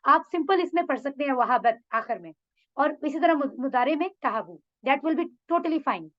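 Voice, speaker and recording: A woman with a high voice teaches an Arabic lesson over a video call. She is encouraging and slips English phrases into her Urdu. The audio is a little dull. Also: lively intonation, moderate pace. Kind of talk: online class teaching. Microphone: video call mic.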